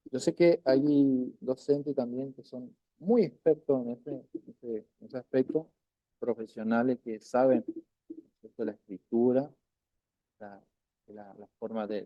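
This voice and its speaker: A man teaching a recorded language lesson, patiently repeating words slowly and checking in often with "isn't that right?". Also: medium pitch, no room sound, lo-fi sound.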